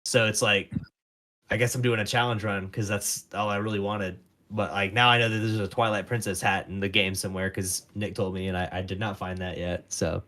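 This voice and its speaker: A man's voice: on the low side, flat delivery, fairly quick, bright, forceful tone. A man co-hosting a casual gaming podcast chat, talking in a laid-back way and laughing along. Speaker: podcast co-host.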